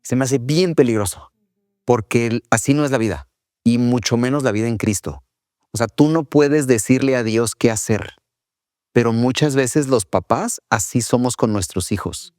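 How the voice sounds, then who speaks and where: A man's voice: medium pitch, darkish tone, no room sound, studio quality. A man co-hosting a faith-based parenting podcast, talking casually and acting out children's whiny voices now and then. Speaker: podcast co-host, father.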